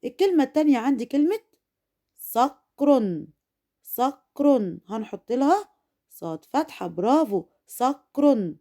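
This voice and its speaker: Egyptian woman, primary school teacher; warm, mellow, animated delivery, slowly drawn-out model words, encouraging. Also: high-pitched. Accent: Egyptian Arabic. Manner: stretches each modeled word slowly, then repeats it; encouraging, addresses pupils directly. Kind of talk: recorded first-grade reading lesson.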